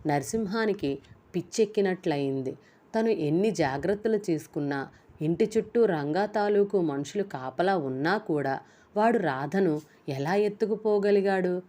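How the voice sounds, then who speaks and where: A woman narrating a novel chapter in a steady, even storytelling voice. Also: on the low side, normal speed. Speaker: audiobook narrator. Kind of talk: reading a novel aloud.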